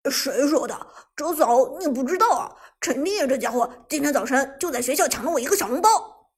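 A woman's voice: sits high, animated, fairly quick. A woman voicing a chubby, playful teenage boy who teases in a mocking tone. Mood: teasing. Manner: teasing, mocking.

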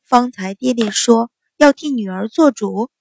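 A woman voicing a calm young eldest daughter, cool and faintly mocking. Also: a little high, a little slow, vocal fry, dry recording, clean studio sound. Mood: cutting.

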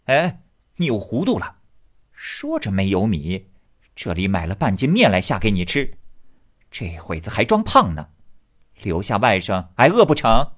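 A man voicing a sharp-tongued, stingy middle-aged wife who nags shrilly. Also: huge pitch swings, unhurried, pauses often, heavily acted. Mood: nagging. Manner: shrill, nagging.

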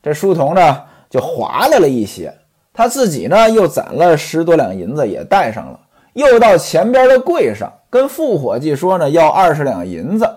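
A storyteller telling a classic tale in a traditional oral style, chatty and lively, with a pitch that climbs and dips all the time. The voice is slightly husky, and the teller often turns to the listeners with asides. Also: normal speed.

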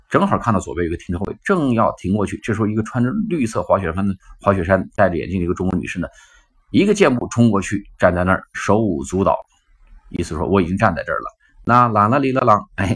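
A man with a Cantonese-influenced Mandarin accent teaching a casual spoken-English lesson, animated and acting out the phrases he explains. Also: deep voice, quick pace, slightly rough. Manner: animated, acts out quoted lines.

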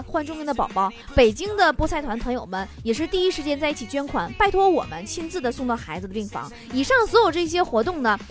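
A young woman with a Northeastern Chinese accent hosting a comedic radio show, reading listener messages and teasing them playfully. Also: high voice. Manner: playful, teasing, laughs at own jokes. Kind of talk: casual comedic radio chat. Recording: music bed behind voice.

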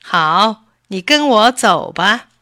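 A woman voicing a big, confident storybook tiger who gives firm, loud commands. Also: mid-range voice, lively intonation, takes it slowly, no room sound, studio quality. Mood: commanding.

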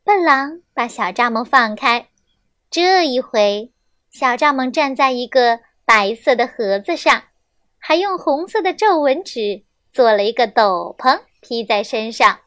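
A young woman reading a children's story aloud, gentle and expressive, on a close mic. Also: a little high, a little slow, no room sound.

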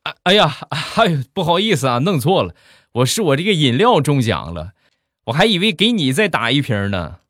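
A flustered young nurse apologizes in a hurried, raised voice. She sounds a little embarrassed and rushed. A man plays her. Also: a little high, very animated, a bit bright, dry recording, studio quality, pitched above the performer's own voice.

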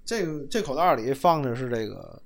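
A man telling casual anecdotes in a chat, animated and laughing, swinging between loud and soft with coarse slang. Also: mid-range voice, moderate pace, vocal fry. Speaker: storyteller host.

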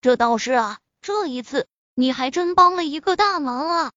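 A woman's voice: high voice, animated, normal speed, pushed and bright, no room sound. A woman voicing a confident, blunt young man in a spoken web-novel reading, with a slightly muffled lo-fi sound. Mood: assured. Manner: self-assured, dealmaking.

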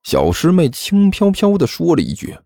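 A man narrating a serialized comic martial-arts story in an expressive, lively manner. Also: fairly high pitch, normal speed, dry recording, clean studio sound, soft background music.

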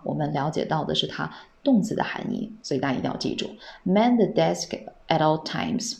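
Low gravelly woman teaching English. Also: a little mellow. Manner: patient, repeats phrases slowly, asks rhetorical questions. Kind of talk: podcast English lesson.

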